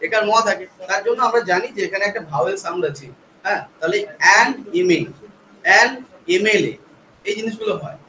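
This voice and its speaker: Male teacher from West Bengal, high bright voice, patient letter-by-letter explainer, recorded from afar in a roomy classroom. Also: fairly quick. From West Bengal, India. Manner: explains patiently, spells words letter by letter, asks rhetorical checks. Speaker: English teacher. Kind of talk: classroom grammar lecture. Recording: echoey classroom from far off, faint background noise.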